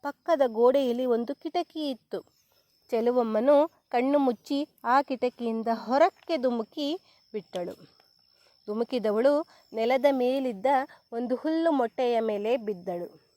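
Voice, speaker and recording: Woman storyteller, unhurried children's story reading, fairly high voice, dry close recording. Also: dry recording. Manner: slow, clear, expressive storytelling.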